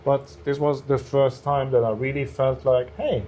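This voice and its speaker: A man's voice: medium pitch, completely flat delivery, moderate pace, mellow, a little hiss or hum. A man, a stand-up comedian guest, telling stories in a casual interview, hesitant with many restarts. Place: bar cellar.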